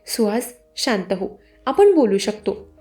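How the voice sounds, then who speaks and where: A woman voicing a young husband who firmly tries to calm a threatening man. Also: very high-pitched, normal speed, echoey room, faint music behind. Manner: firm, placating. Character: young husband, protective and trying to stay calm.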